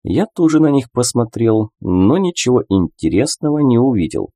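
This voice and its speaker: A man narrating a first-person audiobook in an expressive storytelling manner. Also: mid-range voice, moderate pace, no room sound, studio quality.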